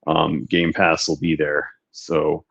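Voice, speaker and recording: A man chats about games over a buzzy, glitchy remote call, and his voice comes through muffled and lo-fi. He speaks low and level, with little rise or fall. His pace stays steady, with plenty of ums. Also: creaky, husky. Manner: steady, unhurried, with frequent ums. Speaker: livestream co-host. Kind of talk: casual gaming chat.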